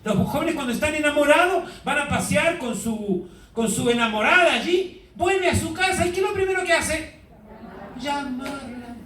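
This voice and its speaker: High-voiced priest in an echoey church. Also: male voice, a bit bright, slight background noise. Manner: asks the congregation questions, drawn-out emphasis. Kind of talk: sermon. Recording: echoey hall, mic far off.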